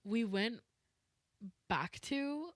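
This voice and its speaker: A young woman telling a story in a casual podcast chat, animated and full of "like". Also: a little high, extremely slow, dry recording, studio quality. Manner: animated storyteller, heavy use of "like".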